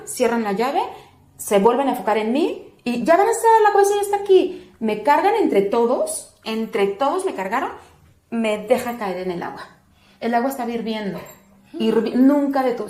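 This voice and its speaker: A woman, a doula and interview guest, recounting a personal experience and acting out the other people's words. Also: on the high side. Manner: animated, acts out other people's words with a raised voice. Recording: roomy echo.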